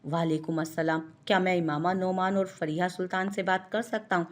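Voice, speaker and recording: A polite male manager making a formal, businesslike phone call, read by a woman. The voice sits a bit low. It comes from a narrated audio story. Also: little pitch movement, fairly quick, lightly acted.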